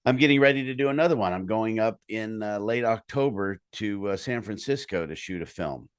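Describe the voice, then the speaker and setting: A man's voice: on the low side, fairly quick, clear, resonant tone, no room sound, studio quality. Joking male podcast host. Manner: joking, animated storyteller. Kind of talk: casual interview chat.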